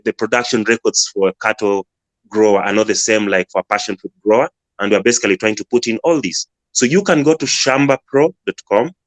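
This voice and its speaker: A man's voice: fairly low pitch, no room sound. A man from Uganda, a guest speaker explaining his farm app in an earnest way with many restarts. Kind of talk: casual pitch on a live audio room.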